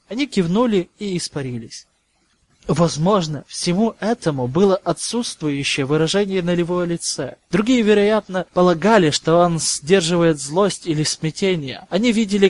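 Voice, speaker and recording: A man narrating a novel as an audiobook, with even, measured storytelling. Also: on the high side.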